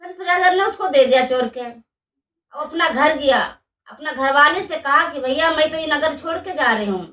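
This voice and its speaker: A woman's voice: high-pitched, animated, normal speed, sharp tone, roomy sound, far from the mic. A woman telling a devotional folk tale in a rustic, repetitive oral style. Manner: rustic, repetitive oral storytelling, acting out dialogue. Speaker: storyteller.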